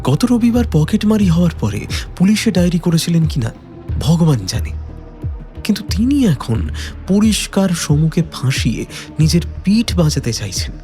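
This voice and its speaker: A narrator reads a detective story in a dramatic, scripted manner at a moderate pace. His voice is fairly high and mellow, with very lively shifts in pitch, and soft music plays behind him.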